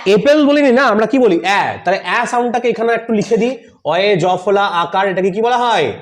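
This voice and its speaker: Quick-paced and high-pitched, a man runs a classroom-style English grammar lesson in style. He answers his own questions, goes over key points again, and checks in repeatedly with "yes or no," as in "Am I clear? Yes or no?"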